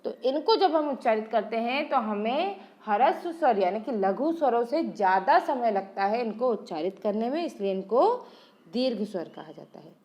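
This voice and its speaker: A woman's voice: on the high side, lively intonation, a little mellow. A woman teacher giving an exam-prep lesson, asking her own questions and answering them, stretching out example sounds. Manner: asks rhetorical questions and answers them herself; drawn-out, sung examples when calling out sounds.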